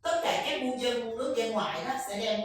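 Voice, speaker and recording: A woman interpreting a Bible lecture into Vietnamese, quick and explanatory. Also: fairly high pitch. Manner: quick, explanatory, acts out quotes. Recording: echoey room from far off.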